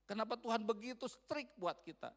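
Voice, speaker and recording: A man preaching a sermon in church, animated, swinging between loud emphasis and quiet asides. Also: sits high, moderate pace, vocal fry. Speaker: pastor.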